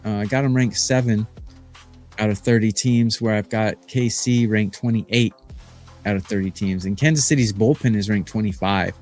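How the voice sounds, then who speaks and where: On a live stream with soft music behind him, a fifties-aged handicapper from Phoenix, Arizona boasts and rambles about sports betting, dropping lots of fillers. His voice is low and darkish, with fairly even intonation at a normal speed.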